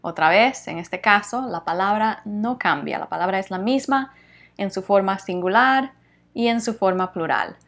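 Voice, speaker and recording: A woman teaching English pronunciation, drawing out each model word slowly and clearly for repetition. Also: mid-range voice, a bit bright. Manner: deliberate, drawn-out model words for repetition.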